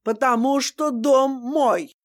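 A woman voicing a loud, domineering mother-in-law in her forties who shouts crude threats and keeps sneezing. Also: high-pitched, slow, pitched above the performer's own voice. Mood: yelling, bossy.

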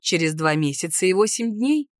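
Woman playing a restrained young noble husband, low and soft, dry close sound. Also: expressive, normal speed, no room sound, close to an everyday voice. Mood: tender.

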